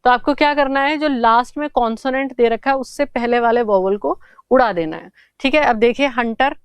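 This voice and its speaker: Clear-voiced woman teaching step by step. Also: a little high, normal speed, dry recording. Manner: explains step by step, asks and answers her own questions. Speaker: English teacher. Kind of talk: online exam-prep grammar lesson.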